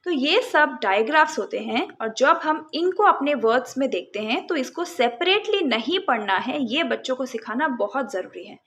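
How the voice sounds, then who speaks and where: A woman teaching phonics, breaking words into separate sounds and then blending them, in a calm lesson. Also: high-pitched, normal speed, few pauses. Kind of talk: slow, sound-by-sound phonics lesson in Hindi-English mix.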